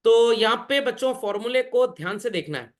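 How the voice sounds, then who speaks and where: Very high-pitched and expressive, this man teaches commerce in a classroom lecture full of jokes. He repeatedly addresses his students as children and fires quick questions at the class along the way.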